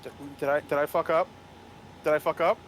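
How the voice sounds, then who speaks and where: A man's voice: on the high side, fairly even intonation, a little fast, a little hiss or hum, poor audio. A man in his twenties, a co-player on a game stream, joking and swearing in mock indignation. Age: 20s. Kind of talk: casual joking chat. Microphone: voice call mic.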